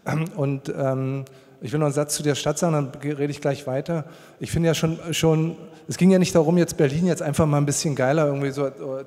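A man's voice: on the high side, mellow. Blunt rambling man on a convention stage. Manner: blunt, rambling, many restarts. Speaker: panel guest, producer. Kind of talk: panel discussion. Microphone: handheld mic. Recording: long hall reverb.

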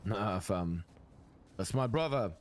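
A man's voice: fairly low pitch, animated, takes it slowly. A man playing a swaggering roadman with a laid-back manner, ending nearly every phrase with "fam". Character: swaggering London roadman man claiming to be Tommy T.

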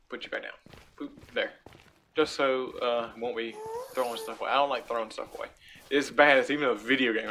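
A young man giving casual let's-play commentary, excitable, swinging from quiet mutters to loud outbursts. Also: medium pitch. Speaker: gaming YouTuber. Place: home room. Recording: faint background noise and clicks.

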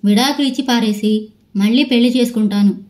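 A woman narrator voicing a hot-tempered husband who shouts loudly in a quarrel. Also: on the high side, brisk, natural voice. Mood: angry.

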